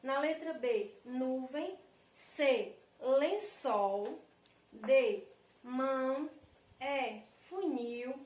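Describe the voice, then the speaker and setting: A woman teacher with a high voice goes over exercises slowly, drawing out each word and checking in with the class after every answer. She is recorded in an echoey room. Her delivery is patient and deliberate. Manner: slow, drawn-out, asks "não é isso?" after each answer. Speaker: primary school teacher. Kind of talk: recorded remote class lesson.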